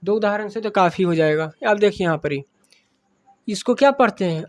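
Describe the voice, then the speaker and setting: A woman with a Bihari accent teaches grammar in a dry, close-sounding recording. She asks her listeners a question, then answers it herself, and keeps going back over each point. Her pitch sits in a middle range. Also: fairly quick, dry recording. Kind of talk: classroom grammar lesson.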